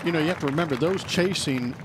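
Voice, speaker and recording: A man's voice: on the high side, fast, a crowd in the background. A man working as a golf commentator and analyst, explaining strategy and shots in short, advisory remarks. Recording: clear outdoor ambient noise behind voice.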